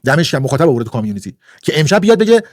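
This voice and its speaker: A man's voice: on the high side, big pitch swings, no room sound, studio quality. A man ranting indignantly on a livestream, lecturing and repeating his points for emphasis. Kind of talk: heated livestream rant.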